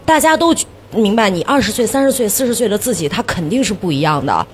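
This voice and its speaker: A woman's voice: mid-range voice, animated, fast talker, slight background noise. A woman, a broadcast host guesting on a podcast and speaking frankly and reflectively. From Shaanxi. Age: 40s. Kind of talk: casual chat.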